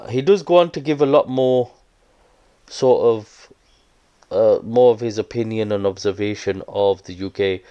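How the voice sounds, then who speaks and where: Guy doing a vlog, explains things earnestly, lots of uhs, deep clean voice. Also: measured pace, mellow, smooth, lo-fi sound. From Britain. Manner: earnest, explanatory, with hesitant fillers. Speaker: vlogger. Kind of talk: casual vlog commentary.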